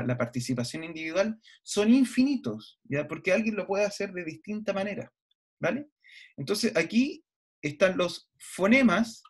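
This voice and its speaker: A man teaching an online class, explaining step by step and often checking in with his students, with some hesitant fillers. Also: high voice. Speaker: university lecturer. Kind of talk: online lecture.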